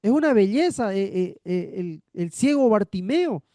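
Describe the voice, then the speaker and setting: A man's voice: sits high, lively intonation, a little slow, mellow, dry recording, clean studio sound. Man teaching, full of rhetorical questions. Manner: repetitive, asks rhetorical questions to the class. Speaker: theology teacher. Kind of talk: classroom lecture.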